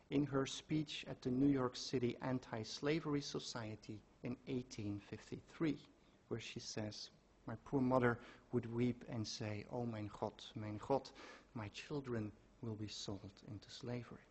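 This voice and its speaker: A man giving a measured academic lecture, reading out quotations from his sources. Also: mid-range voice, breathy edge. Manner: measured, quoting sources aloud. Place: lecture hall.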